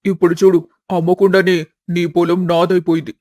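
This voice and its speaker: A man's voice: high-pitched, little pitch movement, normal speed, warm tone, dry recording, lightly acted. A man voicing a gloating village headman. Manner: mocking, boastful. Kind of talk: animated storybook dub.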